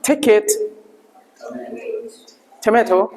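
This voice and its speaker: Playful teacher drilling letter sounds. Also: male voice, high-pitched, very slow, darkish tone, big-room sound, poor audio. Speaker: English teacher. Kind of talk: live online grammar class.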